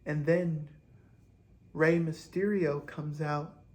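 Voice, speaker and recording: A man's voice: on the high side, steady tone, takes it slowly, a little mellow. A man hosting a vlog, rambling through speculative wrestling storylines with hesitant restarts. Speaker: host. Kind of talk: wrestling fantasy-booking commentary.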